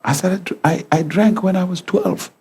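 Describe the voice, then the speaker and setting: A man's voice: sits high, extremely slow, a little mellow, slightly rough. A male guest preacher speaking in short phrases through an interpreter, calling out hallelujah and asking the crowd questions.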